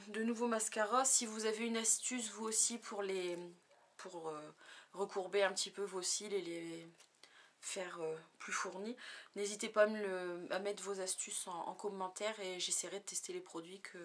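A woman in her thirties reviewing makeup products in a casual vlog, hesitant and full of fillers, sometimes dropping to a soft whisper. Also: mid-range voice, fairly even intonation, normal speed. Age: 30s. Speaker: beauty vlogger.

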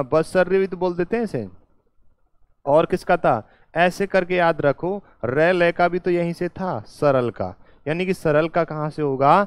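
Guy teaching at a board, talks real slow, asks then answers himself, smooth fairly high voice. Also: no room sound. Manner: slow and repetitive, quizzing students with questions and answering them himself; calls the viewer "beta" and "my dear". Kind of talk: classroom lesson at a board.

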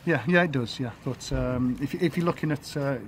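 A man in his fifties, an English football manager, giving a halting post-match interview outdoors by the pitch, full of fillers and restarts. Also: crowd noise. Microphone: handheld camera at close range. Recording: outdoor noise behind.

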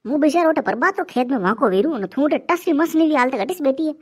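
A woman's voice: high voice, lively intonation. A woman with a Rajasthani accent voicing comic cartoon banter between characters. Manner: quick bantering comic delivery. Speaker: cartoon comedy voice actor.

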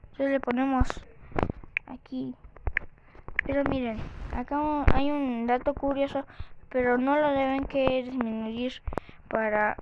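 A youthful woman with a high voice talks through a casual game tutorial. She goes slowly and haltingly, thinking aloud. The mic sounds muffled and clearly noisy. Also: fairly even intonation. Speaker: tutorial host. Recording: muffled lo-fi mic with clicks and noise.

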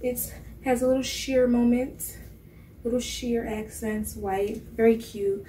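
A woman's voice: a little high, steady tone, unhurried, warm tone, slight background noise. A young woman vlogger chatting casually about her shopping haul in her bedroom, playful and laughing often. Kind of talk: casual haul vlog talk. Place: bedroom indoors. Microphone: camera mic at close range.

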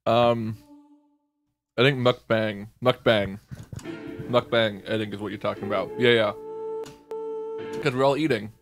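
A man's voice: fairly low pitch, fairly even intonation, normal speed, pauses often, music in the background. A man in the band chatting on a livestream, rambling through stories and asking questions. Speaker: band member. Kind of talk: casual chat on a livestream.

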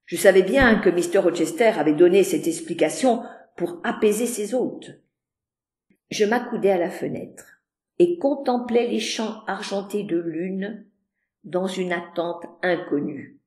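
A woman narrating a classic novel as an audiobook, measured and expressive. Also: mid-range voice. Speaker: audiobook reader. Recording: roomy echo.

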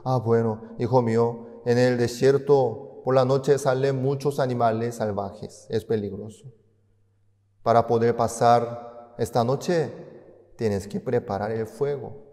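A man's voice: medium pitch, fairly even intonation, measured pace, mellow, natural voice. A man voicing a worried father calling for his lost son over a radio, in a raised, pleading voice, with long hall reverb. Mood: reassuring.

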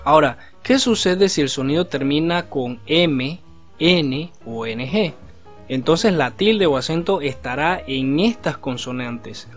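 A man teaching a video language lesson, explaining patiently and slowly repeating example syllables. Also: on the high side. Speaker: Cantonese teacher. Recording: slightly dull recording with faint music.

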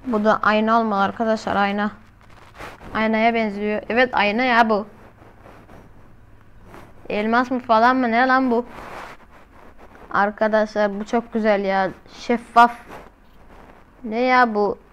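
A woman's voice: fairly high pitch, little pitch movement, a little slow, long pauses, lo-fi sound, slight background noise. A woman doing casual, slangy reaction commentary as a video host, often exclaiming.

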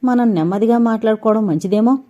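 A woman voicing a cautious young man who speaks quietly and carefully. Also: a little high, fast talker, dull audio, lightly acted.

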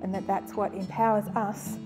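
A woman leading a spoken prayer in an earnest, steady way. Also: medium pitch, moderate pace. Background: guitar music.

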